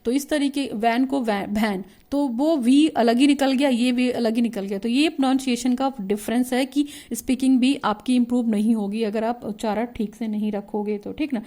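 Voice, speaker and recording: Mellow-voiced woman teaching a lesson. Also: on the high side, fairly even intonation. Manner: mixes English terms into Hindi, reads English passages slowly; repeats points, tag questions. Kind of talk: explaining lesson notes.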